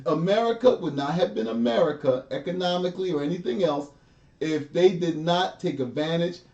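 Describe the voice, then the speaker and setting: A man co-hosting a political commentary show, talking bluntly and forcefully in a casual, colloquial way. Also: fairly high pitch, brisk, far from the mic, dull audio. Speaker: co-host. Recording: echoey room, off the mic.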